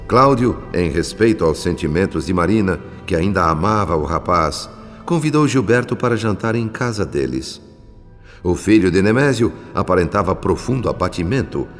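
In a radio drama with long reverb and background music, a male actor with a deep voice and a Brazilian accent portrays a solemn spirit guardian. He recounts a family's troubles in formal, literary, measured speech.

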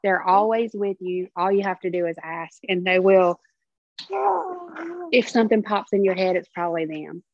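A woman's voice: fairly low pitch, normal speed, no room sound, lo-fi sound. A woman co-hosting a casual faith chat, affirming and encouraging her partner. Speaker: co-host of a faith show.

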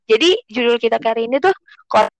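Casting: Jakarta-accented young female podcaster, informal peer chat, lightly high register, dry room-free sound. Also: lively intonation, brisk, creaky, dry recording, poor audio. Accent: Jakarta Indonesian. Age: young adult. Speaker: podcast co-host. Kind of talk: casual podcast chat with slang.

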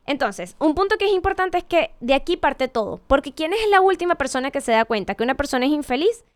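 A woman's voice: high voice, very animated, fast talker, dry recording, clean studio sound. A woman giving a conversational motivational talk, asking rhetorical questions and correcting herself as she goes. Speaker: motivational speaker.

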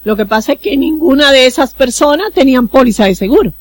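With lively intonation and a fast pace, a high-voiced Dominican woman talks as a radio interview guest in her role as a consular official. She explains procedures earnestly, leaning on everyday examples, in a Dominican Spanish accent. The recording is dry.

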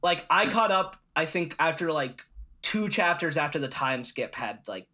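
A man's voice: fairly high pitch, expressive, normal speed, sharp tone. A young man as a podcast guest, retelling a story in casual chat, rambling with many fillers.

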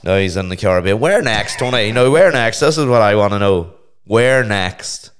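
Male podcast host, Northern Irish, low gravelly hoarse voice, sweary teasing banter. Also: animated, normal speed. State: hoarse with tonsillitis. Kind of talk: casual bantering podcast chat.

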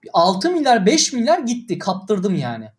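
A man's voice: high voice, huge pitch swings, normal speed. A young man ranting in casual slangy talk to his livestream viewers, exasperated.

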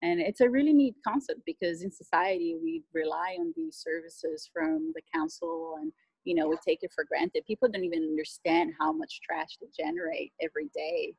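Woman from Brazil, guest, gravelly, husky, lively pitch, chatty. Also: normal speed, dry recording, poor audio. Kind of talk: casual interview chat.

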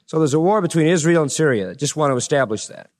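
Preacher guy with a high voice, reads bible verses big and slow then talks normal. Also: lively intonation, darkish tone. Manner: reads verses with dramatic slowing and rising voice, then chats plainly. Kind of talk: sermon, reading scripture aloud.

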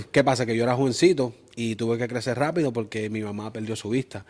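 A man's voice: mid-range voice, fairly quick, darkish tone. A man from Springfield, Massachusetts, an interview guest who speaks earnestly and mixes in English words. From Springfield, Massachusetts, USA. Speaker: guest, music producer. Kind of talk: casual interview.

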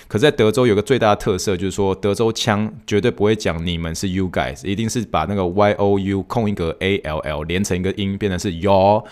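Fast-talking Taiwanese man, chatty host. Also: low-pitched, steady tone, darkish tone, clean tone. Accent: Taiwanese Mandarin. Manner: chatty, rambling storytelling with many restarts. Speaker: podcast host. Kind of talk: casual solo podcast chat.

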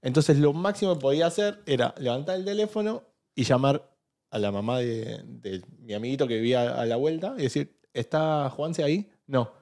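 A man's voice: mid-range voice, lively intonation, a little fast, creaky, darkish tone. A man with a Rioplatense Spanish accent co-hosting a podcast, cutting in with blunt, teasing remarks. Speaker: podcast co-host. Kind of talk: casual banter.

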